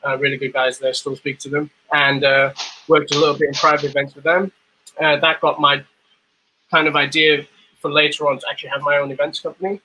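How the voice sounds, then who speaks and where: A man from Zimbabwe, a bartender guest, telling his story in relaxed, rambling chat over a video call. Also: a little high, brisk, slight background noise, low-quality recording. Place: dim room at home. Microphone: video call webcam.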